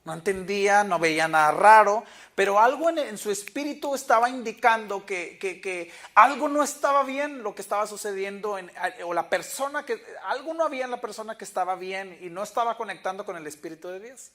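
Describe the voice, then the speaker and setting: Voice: medium pitch, animated, brisk, fairly bright tone. A pastor preaching a sermon in church and telling stories with acted-out dialogue. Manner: storytelling, acting out quoted dialogue.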